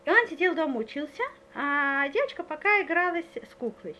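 A woman's voice: sits high, lively intonation, brisk, sharp tone, lo-fi sound. A woman giving a spiritual lecture full of stories. She speaks earnestly, often checks whether her listeners follow, and hesitates with many filler sounds. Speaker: religious lecturer.

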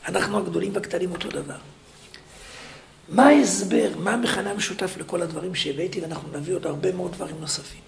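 Man, rabbi, high gravelly voice, Torah lecture, animated, emphatic, echoey room. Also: crowd noise. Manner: animated storytelling, loud emphatic repetition. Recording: echoey room, faint noise.

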